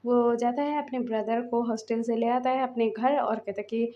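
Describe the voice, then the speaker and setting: A woman's voice: fairly even intonation, normal speed. A woman casually retelling a fan fiction story in a chatty way, acting out the quoted lines. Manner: chatty, acts out quoted lines with rising pitch. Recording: muffled lo-fi audio.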